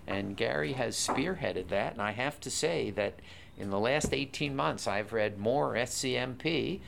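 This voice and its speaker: A man's voice: mid-range voice, unhurried, vocal fry, noisy background. A man moderating an onstage Q&A, introducing his guest in a jovial, bantering way. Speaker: event moderator. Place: event room before an audience.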